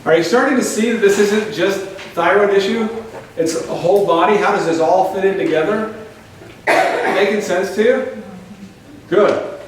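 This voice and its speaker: A man giving a lively health workshop lecture to a live audience, asking them questions and adding sarcastic asides. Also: high-pitched, normal speed, long pauses. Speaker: chiropractor presenting a health workshop. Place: large echoey room with a live audience. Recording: very echoey room, distant mic, faint noise.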